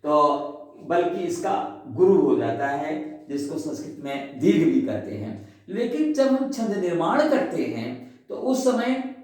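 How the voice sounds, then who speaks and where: A man teaching a Sanskrit lesson. He explains patiently, counts syllables aloud, checks that his listeners follow, and chants the verse slowly in a singing tune. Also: on the high side, big pitch swings, a little mellow. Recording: very echoey room, voice from a distance.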